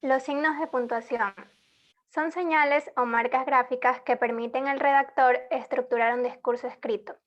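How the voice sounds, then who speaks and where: A woman's voice: fairly even intonation, moderate pace. A young woman giving a class presentation as a student, reading a formal definition and restarting words she stumbles on. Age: young adult. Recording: dull low-fidelity recording.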